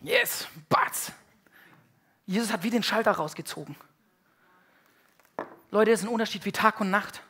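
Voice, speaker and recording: Male preacher giving a sermon in church. Emphatic and slangy, with loud bursts and quiet, confessional stretches. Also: high voice, a little fast, pauses often, a little hiss or hum. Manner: emphatic, swings between loud outbursts and hushed confessions; colloquial, slangy. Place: church service before a congregation.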